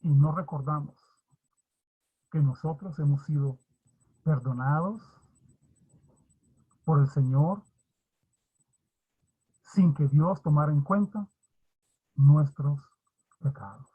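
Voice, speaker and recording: A man's voice: a little high, slow, pauses often, husky. A male pastor preaching a sermon and telling his own testimony, fervent and emotional, repeating phrases and restarting often. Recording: dull lo-fi recording.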